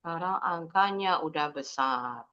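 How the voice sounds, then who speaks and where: Slow-spoken Indonesian woman teaching English. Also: low voice, bright, forceful tone, dull audio. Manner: slow, drawn-out model pronunciations between brisk explanations. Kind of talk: online English lesson for kids.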